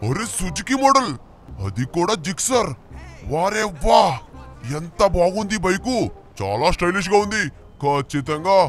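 A man's voice: fairly high pitch, lightly acted. A man playing a boastful dealer uncle. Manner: boastful, haggling, effusive thanks. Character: flattering middle-aged bike dealer uncle. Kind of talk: game play-along voicing.

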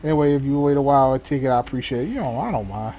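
Over game vehicle and ambient sounds, a man speaks rapid-fire in an expressive, mellow mid-range voice. The recording has its highs cut off and slight background noise. He's a gamer acting as a sheriff's deputy on patrol, improvising police radio call-outs that mix clipped jargon with casual muttered asides.

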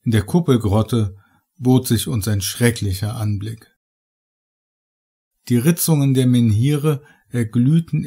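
A man reading first-person horror audiobook narration in a measured, dramatic way. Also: mid-range voice, mellow, slightly rough.

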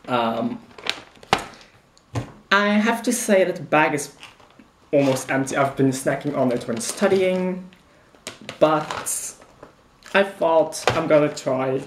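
Slow-talking young man in an echoey room. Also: on the high side, lively intonation, slight background noise. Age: young adult. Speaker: challenge vlogger. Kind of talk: casual chat to camera. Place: bedroom, indoors.

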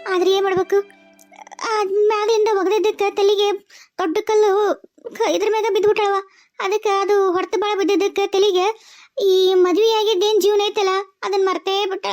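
A very high, thin woman's voice with a North Karnataka Kannada accent carries a whole cartoon cast by herself. She pleads and weeps her way through a family drama. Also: level tone, brisk, a little mellow, soft background music. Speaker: cartoon storyteller voicing all characters. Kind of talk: emotional cartoon voice acting.

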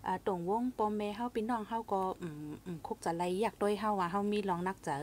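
A woman hosting a casual radio talk show, giving reflective and gentle advice. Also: mid-range voice, quick pace, a little hiss or hum. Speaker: radio host.

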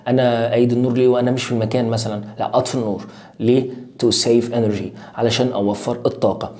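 A man with an Egyptian Arabic accent teaching English to young pupils in a lively, playful way, repeating drill words slowly. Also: mid-range voice. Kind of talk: online lesson for young pupils. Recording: roomy echo.

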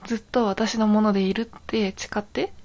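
A woman's voice: medium pitch, steady tone, moderate pace, a little mellow, natural voice. A woman playing a young, possessive yandere girlfriend in an intimate role-play audio drama, sounding sweet, clingy and eerily obsessive.

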